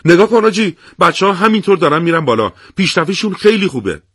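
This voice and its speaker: A man voicing an eager male officer in an audiobook war story, cheerful and excited. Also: low voice, slightly rough, no room sound, studio quality, exaggerated voice.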